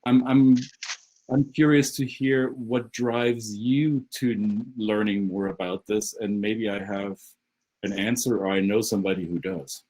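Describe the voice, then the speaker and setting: A man leading an online session as a guest speaker, talking quickly and often restarting his sentences over a video call. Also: on the low side, fairly even intonation, darkish tone, poor audio. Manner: brisk, halting with repeated restarts. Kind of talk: conversational talk on a video call.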